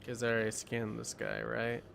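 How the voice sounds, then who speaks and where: A man's voice: mid-range voice, monotone, moderate pace, vocal fry, fairly bright tone, slight background noise. A tired young man streaming a game, musing and muttering to himself as he plays. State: tired, yawning. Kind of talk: casual live-stream gaming chat. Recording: game music under the voice. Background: game music.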